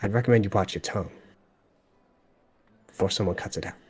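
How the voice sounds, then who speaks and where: A man voicing a stern, menacing female reptilian sailor who speaks in a low, clipped, threatening way. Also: a little fast, a little mellow, husky, soft background music.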